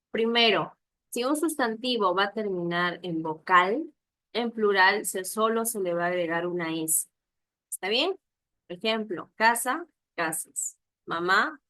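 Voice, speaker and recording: Slow patient lady teacher going over examples, dry close sound. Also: on the low side, fairly bright tone, dry recording, rough recording. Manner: patient, repeats examples and checks understanding with tag questions. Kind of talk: online class lecture.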